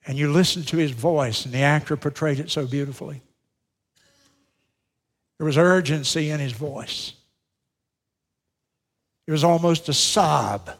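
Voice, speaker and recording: In a large hall with long reverb, a middle-aged male pastor delivers a sermon in a voice on the high side. He moves back and forth between loud, emphatic lines and quiet, slowed-down phrases.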